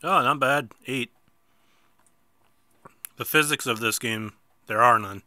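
With a stuffy nose and a medium-pitched, sharp-toned voice, a gameplay video host chats casually through a mobile bowling game at a slow pace. He's self-mocking and bursts out at misses, and the recording is dry and studio quality.

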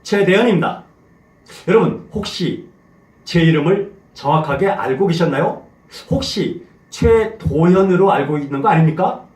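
A middle-aged man teaching a language lesson, energetic and playful, drilling phrases over and over. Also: fairly high pitch, normal speed. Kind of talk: animated classroom lecture with repetition drills. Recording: roomy echo.

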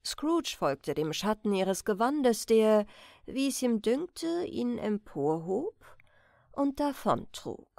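A woman reading a bedtime audiobook in a calm, measured narration. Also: fairly high pitch, gravelly, no echo, studio quality. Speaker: audiobook reader.

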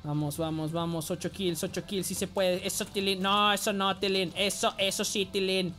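A man with a Mexican accent giving excitable live gameplay commentary, swearing and often yelling. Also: high-pitched, moderate pace, faint music behind. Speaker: game streamer.

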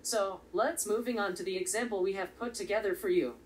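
A woman presenting a step-by-step coding tutorial in a steady, explanatory way. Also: medium pitch, a little fast. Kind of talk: step-by-step software tutorial narration. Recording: slightly distant voice with faint background noise.

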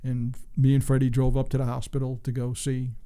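Gravelly older man telling a long story. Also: mid-range voice, monotone, fairly quick, mellow. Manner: rambling, acts out quoted voices. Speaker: guest, former race car driver. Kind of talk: casual storytelling interview.

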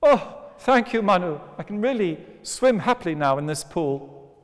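A man voicing a tiny talking fish that pleads for help in a small, squeaky voice. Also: sing-song, moderate pace. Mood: grateful. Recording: long hall reverb.

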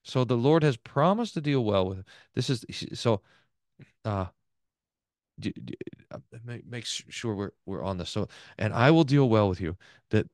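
A middle-aged man, a pastor, teaching a Bible class, reading passages aloud and explaining them in a lively way, often repeating words as he thinks aloud. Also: lowish voice, no room sound.

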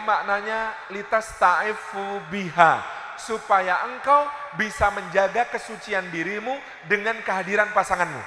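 A man preaching a sermon in a large mosque, telling stories with lively, playful asides to the audience. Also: sits high. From Indonesia. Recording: echoey hall reverb.

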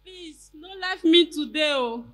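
A woman's voice: high-pitched, measured pace. Ivorian woman comic, broken English. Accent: Ivorian French. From Côte d'Ivoire. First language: French. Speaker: stand-up comedian. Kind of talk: stand-up comedy. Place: large tented event hall, on stage. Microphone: handheld mic.

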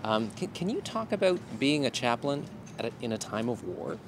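A man's voice: medium pitch, brisk. Middle-aged man interviewing outdoors. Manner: clear, polished, reflective questioning. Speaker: church web reporter and interviewer. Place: outdoors in a garden. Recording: outdoor interview with steady background noise.

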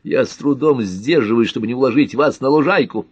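A man voicing a jealous, hot-tempered young man in an audiobook, accusing and shouting. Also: mid-range voice, sing-song, a little slow, slightly rough, no echo, muffled recording, voice pushed up, heavily acted. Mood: angry.

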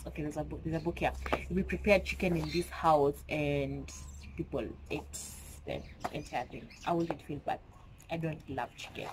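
Young Kenyan woman vlogger, low-voiced, stuffy-nosed, emphatic and chatty. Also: a little hiss or hum, poor audio. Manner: chatty, mixing in Swahili slang, emphatic. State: stuffy nose from a cold. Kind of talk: casual chat to camera. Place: at home.

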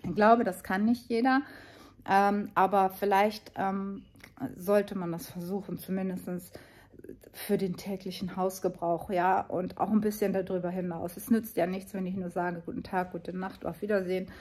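A woman's voice: mid-range voice, level tone, normal speed, a little mellow. A woman in her fifties talking casually and earnestly in a travel vlog, with many fillers and restarts. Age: 50s. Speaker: vlogger.

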